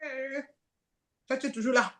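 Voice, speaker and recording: High-voiced woman preaching a dramatic sermon. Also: a little fast, a bit bright, reverberant. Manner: dramatic, acts out tempting voices in dialogue.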